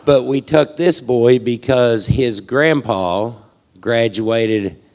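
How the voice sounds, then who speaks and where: Man leading a ministry, gravelly tone, easygoing and long-winded. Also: mid-range voice, slow pace, darkish tone. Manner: rambling, folksy, long-winded. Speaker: ministry leader. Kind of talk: casual speech to a church crowd.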